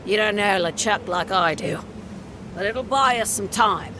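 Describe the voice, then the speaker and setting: A man voicing an anxious, grumbling pirate crew member in a video game, with a creaky voice. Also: high voice, measured pace, noisy background. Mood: alarmed, wary.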